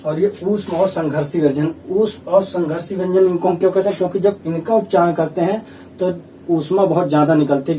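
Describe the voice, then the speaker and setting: A male teacher gives a grammar lesson, explaining patiently and repeating himself as he sounds out letters one by one. His voice is slightly high and mellow. It is picked up from a distance, with a faint hum of room noise behind him.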